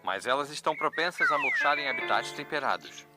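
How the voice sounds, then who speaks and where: A man's voice: on the high side, huge pitch swings, brisk. A man playing an earnest, rather dull and formal television gardening presenter in a children's cartoon. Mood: earnest, dry. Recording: loud music behind the voice.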